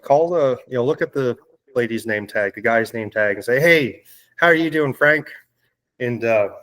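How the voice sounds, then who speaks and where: A man's voice: medium pitch, low-quality recording. A man co-hosting a podcast, chatting casually and acting out small everyday exchanges as he tells his stories. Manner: animated storyteller who acts out little exchanges. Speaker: podcast co-host. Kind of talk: casual chat.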